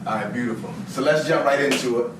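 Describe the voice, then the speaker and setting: A man hosting a panel talk show, introducing guests with energetic hype and frequent laughter. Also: medium pitch, fast talker. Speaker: host. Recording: echoey room from far off with noise.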